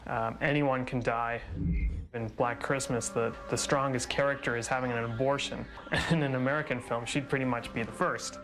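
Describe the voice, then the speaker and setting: Man, mid pitch, hesitant with fillers, interview commentary, faint music. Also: fairly even intonation, moderate pace, a bit bright, rough recording.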